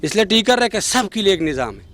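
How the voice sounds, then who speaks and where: A man's voice: high voice, sing-song, a little hiss or hum. Fervent man speaking at a street interview. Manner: passionate, emphatic, rising to loud peaks. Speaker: street interviewee, party worker. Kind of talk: street vox pop interview.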